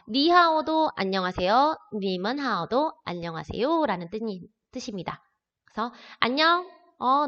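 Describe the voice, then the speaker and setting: With a slightly high, somewhat bright voice, a woman teaches an introductory language lesson, carefully explaining words one step at a time. It's a classroom recording on dull lo-fi audio that carries a long reverb.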